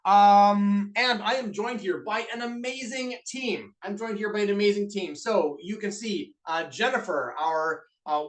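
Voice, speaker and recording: Here a Canadian man with a high-pitched voice leads a live online masterclass, sounding upbeat and chatty and saying uh a lot. He co-owns a business and hosts webinars, and his video call mic picks him up from a distance.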